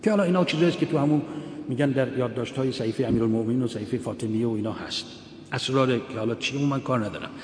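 A man delivers a religious history talk, telling it as a story and stressing the quoted lines. His voice is mellow and dark-toned. It echoes through a large hall with a faint hum of room noise behind. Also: mid-range voice. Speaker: religious lecturer.

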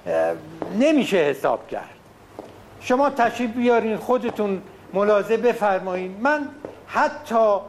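A formally apologetic mover. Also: male voice, high voice, slight background noise.

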